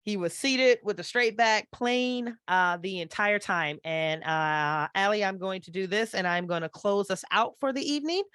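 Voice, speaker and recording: A woman's voice: medium pitch, moderate pace, hardly any pauses, a bit bright, clear, resonant tone, no echo, studio quality. Woman narrating as game master. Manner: casual, descriptive, frequent fillers. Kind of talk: narrating a tabletop horror game.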